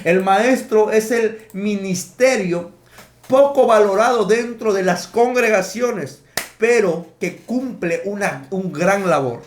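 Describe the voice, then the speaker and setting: A man's voice: high voice, slow. A man preaching a sermon, teaching emphatically and counting out his points. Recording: echoey room.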